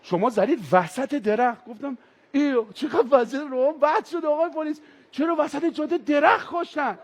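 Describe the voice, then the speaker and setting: A man performing stand-up comedy, telling a story in an animated way and switching into character voices. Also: very high-pitched. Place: stage before a live audience.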